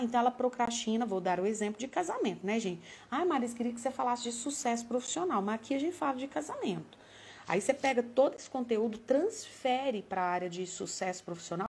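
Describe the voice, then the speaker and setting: A woman with a Brazilian Portuguese accent lectures an online class on marriage. Her voice is husky and sits a little high. She talks animatedly, slipping into short acted exchanges and tag questions to keep her students with her. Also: a little mellow. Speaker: relationship teacher.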